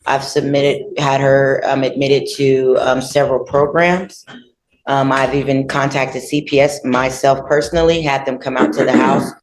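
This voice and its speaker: A woman's voice: rumbling low, fairly even intonation, moderate pace. A woman defendant earnestly explaining herself to a judge in court. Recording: echoey courtroom with faint noise.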